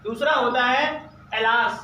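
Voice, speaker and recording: A man's voice: extremely high pitch, fairly even intonation, a little slow, bright, forceful tone, echoey room, a little hiss or hum, rough recording. A male grammar teacher, explaining sentence types step by step, repeating his examples and checking that the class understood. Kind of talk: spoken grammar lesson.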